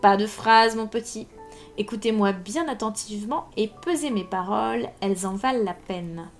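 A woman's voice: medium pitch, normal speed, faint music behind, close to an everyday voice. A woman playing a dry, relentless ex-inspector. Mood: cold. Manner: dry, hard, precise, menacing. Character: cold, relentless male ex-police inspector. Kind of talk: live audiobook reading.

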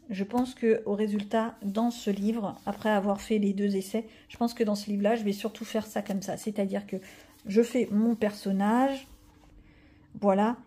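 A woman chats casually to viewers while showing pages from her coloring books, rambling with plenty of asides and fillers. Her voice is mid-range and mellow, with a breathy edge.

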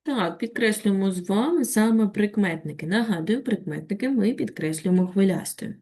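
A woman with a Ukrainian accent teaching a children's reading lesson on video, reciting a poem slowly and expressively, then patiently guiding the class. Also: mid-range voice, husky. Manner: slow, expressive poetry recitation. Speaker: primary school teacher.

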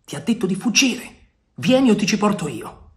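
A man's voice: high-pitched, sing-song, moderate pace, pitched above the performer's own voice. A man voicing a bold, loyal male pirate adventurer who urges and teases his friend, in a storybook reading. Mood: urgent. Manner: urgent, shouting commands.

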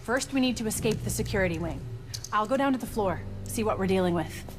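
An actress playing a determined, defiant young rebel hacker in a video game, terse and focused. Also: female voice, medium pitch, animated, fast, music in the background, close to an everyday voice.

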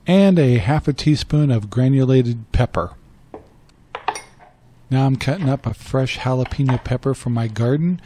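An older man, medium-pitched and animated, speaks at a moderate pace over background noise. As a cooking channel host, he gives a plain, matter-of-fact, step-by-step voice-over for a home cooking video.

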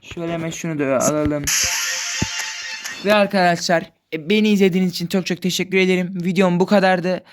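A woman's voice: fairly low pitch, steady tone, quick pace, faint music behind. A woman hosting a gaming channel, giving live commentary on her own football match and pleading with and scolding her players aloud.

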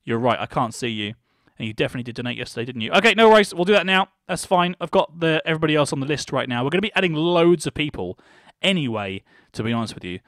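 A young man from the UK is livestreaming a game, calling viewers by name and thinking out loud as he plays. He talks fast and expressively in a fairly high, fairly bright voice. The recording is dry.

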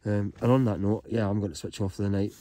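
Mellow man chatting in a tent. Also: fairly low pitch, fast talker, no echo. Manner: relaxed, rambling, many ums. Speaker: hiking vlogger. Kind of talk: casual vlog talk to camera. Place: inside a small tent on a mountain at night. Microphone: camera held close while lying down.

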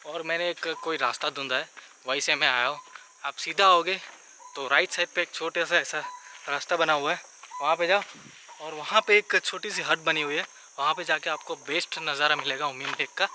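Young male vlogger, chatty, on a handheld camera outdoors with clear street noise. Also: on the high side, sharp tone. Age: young adult. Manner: chatty, addresses viewers as bhai, mixes English phrases. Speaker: travel vlogger. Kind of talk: casual travel vlog to camera. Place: outdoors on rainy streets and forest paths. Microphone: handheld camera at arm's length.

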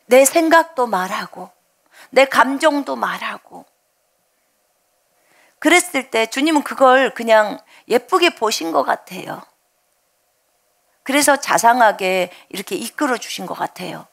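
A woman pastor preaching a sermon in a high, gravelly voice. She speaks earnestly and tells of her own faith. She voices her prayers aloud as if talking to someone right beside her. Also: expressive, unhurried, long pauses, a bit bright. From Jeolla, Korea.

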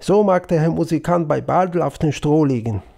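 A man reading a story and voicing a stern, steady older father who burns charcoal in the forest, speaking firmly and solemnly. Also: on the high side, moderate pace, gravelly. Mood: calm. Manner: firm and solemn.

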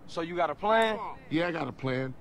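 A tough gang member. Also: male voice, fairly high pitch, expressive, moderate pace, creaky, background noise. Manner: tough, terse street talk. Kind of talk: video game cutscene dialogue.

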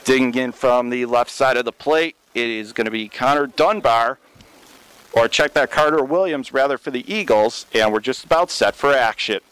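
On poor audio, a young man calls radio play-by-play for a college baseball game, smooth, steady and measured, his pitch leaping up on big plays.

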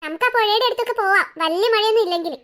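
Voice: very high-pitched, rapid-fire. A voice actor playing a caring but firm mother in a cartoon story, who comforts her children and sends them to tuition. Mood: motherly. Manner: warm then firmly instructing.

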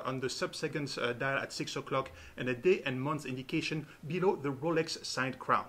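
A man in his thirties presents watch auction results to camera from a dark studio, earnest and pausing often with "uh" mid-phrase. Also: on the high side. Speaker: host. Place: dark studio with shelves behind.

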